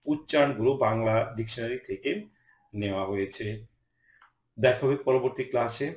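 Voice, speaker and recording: A man's voice: medium pitch, a little mellow, roomy sound. A man teaching English pronunciation in a lesson, reading out word lists one word at a time. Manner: slow, measured listing of single words.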